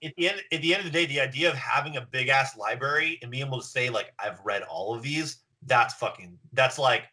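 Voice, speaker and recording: A man's voice: mid-range voice, quick pace, hardly any pauses, pushed and bright. A man chatting casually on a podcast in a blunt, slangy, sweary way. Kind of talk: casual chat.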